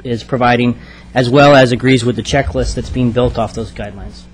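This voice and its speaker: A man's voice: medium pitch, fairly even intonation, a little fast, slight background noise, low-quality recording. A man on a city commission explaining a review checklist in a meeting, with many restarts, into a table microphone. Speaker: commission member. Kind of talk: public meeting discussion.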